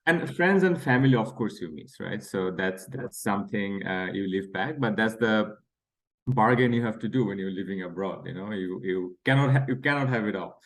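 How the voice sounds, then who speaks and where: A man's voice: lowish voice, expressive, normal speed. A man from Bangladesh, chatting as an author guest in an interview, friendly and full of fillers. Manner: friendly, chatty, laughs between phrases, many fillers. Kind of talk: casual interview chat.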